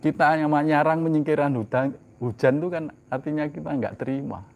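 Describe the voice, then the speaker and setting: A man delivers a sermon in a fairly high voice. He poses question after question and answers them himself. Loud, emphatic lines drop to soft, low asides. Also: brisk, gravelly. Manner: rhetorical questions answered himself, mixing in Javanese phrases. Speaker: preacher.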